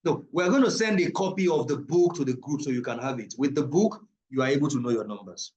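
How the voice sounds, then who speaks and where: A man's voice: mid-range voice, lively intonation, fast talker, a little mellow, poor audio. A man, from Africa, teaching numerology and esoteric ideas in a live online class, taking questions and stressing points by repeating them. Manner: emphatic, repeats key phrases, preacher-like.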